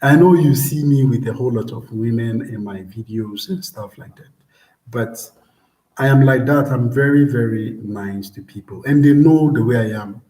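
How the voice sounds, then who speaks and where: A young Ghanaian man chats with his live-stream viewers, easygoing and loose, often repeating himself and filling pauses. His voice sits at an ordinary middle pitch. The room around him rings with noticeable echo. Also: warm tone. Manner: easygoing, repeats words, many fillers. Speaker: vlogger answering viewer questions. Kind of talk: casual live-stream chat. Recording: echoey room.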